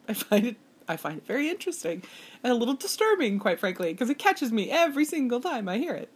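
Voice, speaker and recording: Chatty self-deprecating woman podcast host. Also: slightly rough. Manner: chatty and self-deprecating, mimics voices with big pitch jumps. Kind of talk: casual solo podcast monologue.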